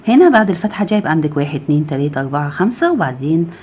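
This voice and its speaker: A woman with an Egyptian Arabic accent teaches crochet step by step in a low, slightly rough voice that swings widely in pitch and moves very fast. She counts stitches aloud and keeps checking "okay?", dropping to a soft murmur as she handles the work.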